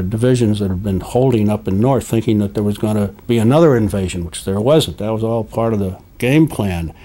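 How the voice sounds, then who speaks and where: An elderly man, a war veteran recalling his experiences in an interview, speaking haltingly and deliberately with long hesitations. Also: fairly low pitch, dark tone. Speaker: WWII veteran being interviewed.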